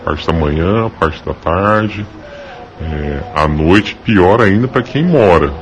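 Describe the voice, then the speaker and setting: Man, voice changer effect, hesitant, slow, low. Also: expressive, slight background noise. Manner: hesitant, many filler sounds. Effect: voice altered by a voice changer. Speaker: shop owner. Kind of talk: street interview.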